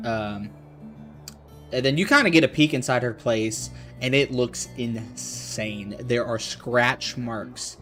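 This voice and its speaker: Guy gm-ing, laid back, lots of ums, bit of music in the back. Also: medium pitch. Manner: relaxed, rambling, many fillers. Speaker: game master. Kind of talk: narrating a tabletop game.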